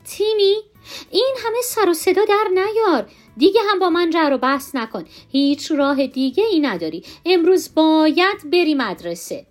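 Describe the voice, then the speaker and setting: A woman's voice: very high voice, faint music behind, pitched above the performer's own voice. A woman voicing a tired but firm mother who tells off her noisy son. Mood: scolding. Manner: scolding, firm.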